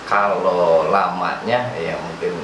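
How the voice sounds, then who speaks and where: A man's voice: low voice, fairly even intonation, slow pace. A man with a Jakarta-area Indonesian accent chats casually as an interview guest, giving short answers that he often repeats. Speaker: guest, firefighter and fire truck operator. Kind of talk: casual chat. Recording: echoey room with clear background noise.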